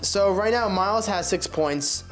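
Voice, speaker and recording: A man's voice: high voice, unhurried, a bit bright, soft background music, low-quality recording. A man in his twenties hosting a homemade game show among roommates, goofy and self-amused, often tripping over his words. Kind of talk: playful casual hosting.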